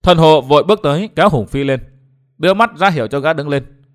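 Animated male audiobook narrator. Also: on the high side, fast. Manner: expressive storytelling. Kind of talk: audiobook narration of a martial-arts novel.

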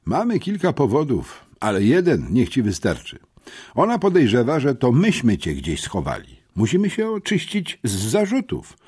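A man reading an audiobook, voicing a calm, firm teenage boy detective. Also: medium pitch, moderate pace, slightly rough.

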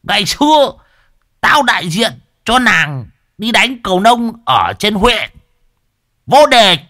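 A man voicing a rowdy, boastful old man who shouts and laughs in a high, strained voice. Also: animated, very slow, clean tone, dry recording, full character voice.

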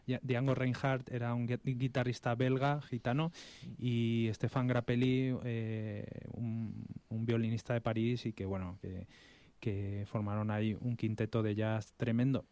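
Hombre que explica música de cine, voz seca. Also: male voice, medium pitch, darkish tone, no echo. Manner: explanatory, with frequent restarts and hesitations. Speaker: radio show co-host. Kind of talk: casual radio talk about film music.

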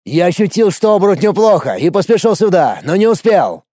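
Furious male mage, hysterical, shouting accusations, voiced by a narrator; raised and loud, in a dry storybook read. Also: fairly high pitch, animated, normal speed, no room sound, close to an everyday voice. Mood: angry shouting.

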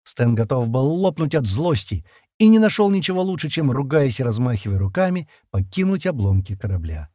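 A man narrating a science fiction story in an expressive, dramatic reading. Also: mid-range voice, a little fast, hardly any pauses, no echo, studio quality. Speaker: audiobook narrator. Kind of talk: scripted sci-fi narration.

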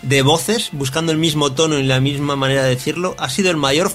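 A man hosting a film podcast, relaxed, steering the chat with trivia and anecdotes. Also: a little high, quick pace, faint music behind.

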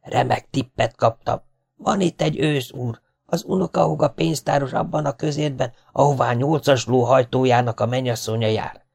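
A man voicing an excitable male poet who shares a betting tip in a hushed, eager way. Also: mid-range voice, gravelly, pitched above the performer's own voice. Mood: secretive.

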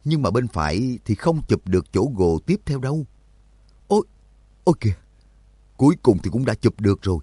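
A man's voice: mid-range voice, very animated, moderate pace, pauses often, mellow, husky, no echo, studio quality, pitched above the performer's own voice. A man voicing a nervous young expedition member who stammers and gasps out frightened exclamations in an audiobook. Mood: anxious.

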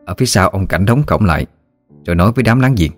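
A man narrating an audiobook story in a steady, descriptive way. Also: low voice, fast talker, soft background music.

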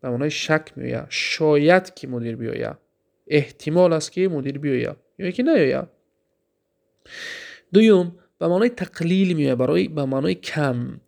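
A man with a Tajik accent teaching an Arabic grammar lesson, asking questions and answering them himself, and reciting the Arabic examples slowly. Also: on the high side, creaky, a little mellow. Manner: explaining, asks questions then answers them.

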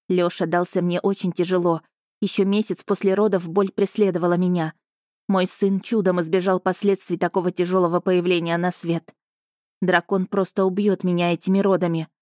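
Woman narrator for a first-person audiobook, lowish voice, dry. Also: a little mellow, dry recording. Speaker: audiobook reader.

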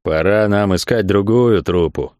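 A man's voice: on the low side, a little slow, a little mellow, no room sound, studio quality, natural voice. A man voicing a worried, insistent stage magician eager to move on. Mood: wary. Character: wary, hasty male stage magician.

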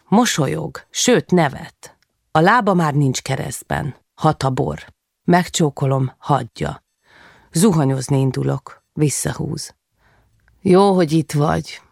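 A woman narrating a first-person literary novel as an audiobook, in a measured, subdued, confessional way. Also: deep voice, creaky, no room sound, studio quality.

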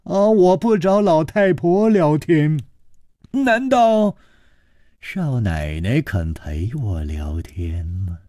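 A man's voice: big pitch swings, slow pace, warm tone, dry recording, studio quality. A man doing a laughing, teasing young swordsman. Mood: playful. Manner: high, laughing and playful. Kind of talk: storytelling performance.

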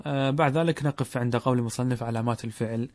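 A man's voice: medium pitch, steady tone, racing, a little mellow. A man from Saudi Arabia, teaching a grammar lesson and asking his students questions. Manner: asks students questions and answers them. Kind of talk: classroom lesson explaining a text.

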